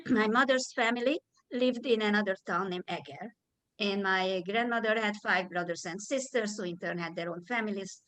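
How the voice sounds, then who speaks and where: An older woman from Hungary giving her testimony as a survivor, speaking hesitantly with fillers and throat clearing over a video call. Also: medium pitch, moderate pace, low-quality recording. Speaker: Holocaust survivor guest. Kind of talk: spoken testimony in conversation.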